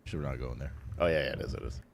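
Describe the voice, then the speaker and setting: Deep-voiced man chatting on stream. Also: steady tone, very fast, gravelly, noisy background. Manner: laughs a lot, swears freely. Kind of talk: casual stream chat.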